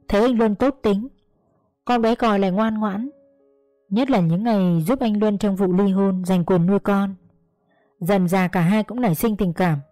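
Brief: woman storyteller, mellow and dry, close sound with faint music behind. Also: mid-range voice, no echo. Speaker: audiobook narrator. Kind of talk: storytelling narration.

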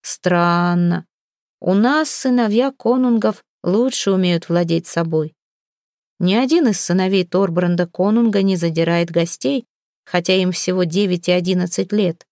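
A proud young warrior, still weak from illness, answers in a slow, clear and measured way, as a woman reads his part. The voice is mellow and dark, recorded close and dry. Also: on the low side, no room sound. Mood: cool mockery. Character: proud young man, a sick guest, calm and dignified.

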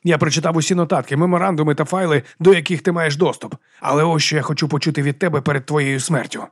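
A man voicing a hoarse, desperate man holding his mentor at gunpoint, his voice pushed up well above the narration, louder and pleading. He sounds strained and accusing, recorded close and dry. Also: fairly high pitch, fairly even intonation, fast talker, dry recording, voice pushed up. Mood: demanding. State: hoarse, burning throat. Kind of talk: audiobook character voice.

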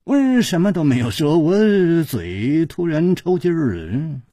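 A male storyteller voicing a charming swordsman hero who laughs and sighs through his teasing. The voice rides high and swings widely, with a husky grain and a lilt. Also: sing-song, unhurried, mellow, no echo, clean studio sound, heavily acted. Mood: muttering. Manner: playful, laughing, mock-apologetic.

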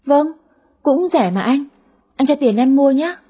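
A woman voicing a greedy, sulky daughter in her thirties with a high, whiny voice in an audio story. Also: expressive, a little slow, mellow. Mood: coaxing. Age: 30s. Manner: whiny, cheeky.

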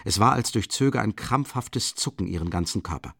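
A man narrating an audiobook in a measured, even, literary manner on a close studio microphone. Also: on the low side, vocal fry, dry recording. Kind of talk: scripted narration. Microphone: close studio mic.

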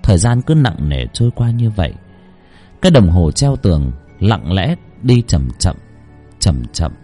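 Husky male horror storyteller. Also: sits low, sing-song, a little slow, mellow, faint music behind. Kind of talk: storytelling narration.

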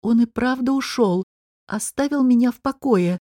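A woman reads a first-person audiobook in an even, measured way. Her voice sits slightly high, with a dark, mellow tone. The recording is close and dry. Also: no room sound. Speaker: audiobook narrator.

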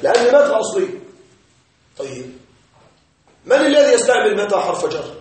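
A male teacher with a high voice lectures on grammar. He works slowly, repeating each point and asking his students if they follow. The sound is distant and heavily echoed, as if from the back of a bare classroom. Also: sing-song, darkish tone. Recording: very echoey room, voice far from mic.

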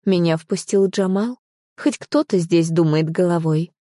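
A woman voicing a gentle, tearful middle-aged mother in an audiobook, speaking in a soft, hushed, comforting way. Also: fairly low pitch, measured pace, no room sound, clean studio sound, close to an everyday voice. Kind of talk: audiobook character voice.

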